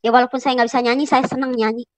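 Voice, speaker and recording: Woman, high voice, dry close sound, earnest emotional testimony, casual fillers. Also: flat delivery, racing, no echo. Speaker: churchgoer giving a testimony. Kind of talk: personal testimony to a congregation.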